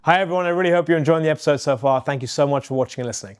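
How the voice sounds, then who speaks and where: A man's voice: fairly high pitch, very fast, clear, resonant tone. Friendly man in his forties hosting a podcast. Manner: friendly, probing, promotional in the ad read. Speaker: podcast host and interviewer. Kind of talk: interview questions and ad read.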